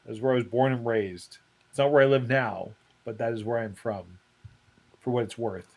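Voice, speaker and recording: A man's voice: medium pitch, steady tone, moderate pace, a little mellow. Canadian male co-host, casual and rambling, mid-range voice. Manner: chatty, rambling, many restarts. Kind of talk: casual chat.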